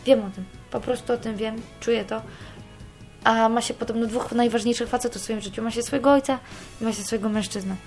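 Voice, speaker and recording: A woman's voice: fairly high pitch, steady tone, fast talker, darkish tone, faint music behind. A young woman giving a candid personal account, cursing freely as she talks. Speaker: interviewee.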